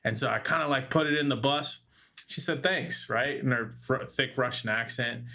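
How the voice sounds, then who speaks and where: A man's voice: medium pitch, normal speed, sharp tone. A young man co-hosting a casual podcast, talking loosely with lots of fillers and restarts as he tells stories. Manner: rambling storyteller, many fillers and restarts. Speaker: podcast co-host. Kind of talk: casual chat.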